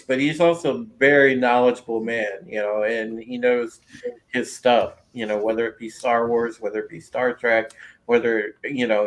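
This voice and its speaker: A man chatting casually on an online panel, friendly and rambling with plenty of fillers. He speaks at a middle pitch in an everyday voice. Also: a bit bright. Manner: friendly, rambling with many you-knows. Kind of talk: casual chat.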